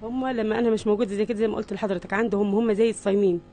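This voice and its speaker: A woman's voice: medium pitch, steady tone, rapid-fire, warm tone. A middle-aged Egyptian woman with an Egyptian Arabic accent, speaking in an earnest, weary and pleading way in a news interview. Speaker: mother interviewed about her sick children.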